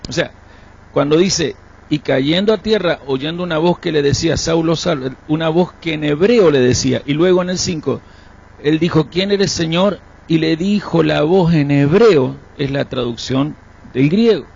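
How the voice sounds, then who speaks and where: A man with a husky, heavily gravelly voice teaches scripture to a live-streamed class, explaining each point and checking in with his listeners. The audio is dull and lo-fi. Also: a little high, moderate pace, darkish tone. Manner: explanatory, checks understanding with rhetorical questions. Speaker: Bible teacher.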